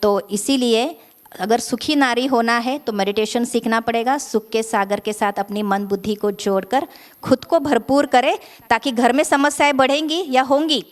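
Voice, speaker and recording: Calm woman guiding a meditation session. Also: a little high. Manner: calm, measured, gently instructive; Hindi with English words mixed in. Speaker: spiritual speaker and meditation guide. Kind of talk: spiritual talk and guided meditation. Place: meditation centre event.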